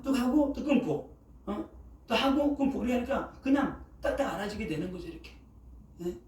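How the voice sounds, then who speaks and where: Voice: mid-range voice, a little mellow. Older preacher in an echoing church. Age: 60s. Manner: keeps checking in with the congregation, asking "eh?" after each phrase; colloquial, repetitive preaching with vivid sound words. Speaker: pastor. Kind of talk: sermon. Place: church sanctuary. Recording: roomy echo, voice picked up from a distance.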